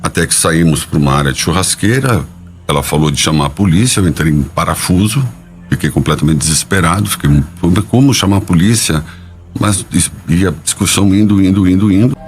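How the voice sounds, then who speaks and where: Very deep-voiced man, hesitant. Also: fast talker, soft background music. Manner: hesitant, repeats words, stumbling. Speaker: interviewee. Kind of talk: defensive interview answers.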